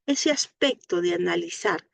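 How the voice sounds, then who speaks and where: Teaching a speech therapy class online, this woman speaks in a lowish, creaky, fairly bright voice with an animated delivery, captured in a dry recording. She has a Latin American Spanish accent, takes her explanations slowly and patiently, and keeps checking in with a questioning "¿no?".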